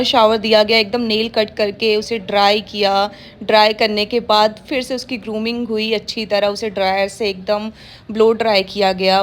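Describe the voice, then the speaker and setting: A woman talks through a pet vlog in easy, chatty narration. Her voice sits a little high, and she sounds fond and gushing as she laughs along. The delivery stays relaxed and unscripted. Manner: gushing and affectionate, with frequent laughter. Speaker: pet vlogger.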